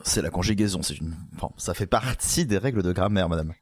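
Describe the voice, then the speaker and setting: A man co-hosting a casual film podcast online, teasing and quick with jokes. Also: low voice, no room sound, clean studio sound. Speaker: podcast co-host. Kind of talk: casual film-review chat. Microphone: online call.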